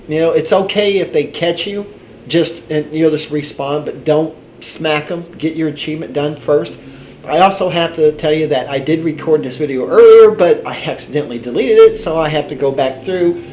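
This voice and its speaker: With a slightly high, somewhat mellow voice, an older man who has a head cold and sounds stuffed up hosts a casual gameplay walkthrough. The recording sounds roomy with a little hiss or hum, and he rambles in a folksy manner, correcting himself along the way.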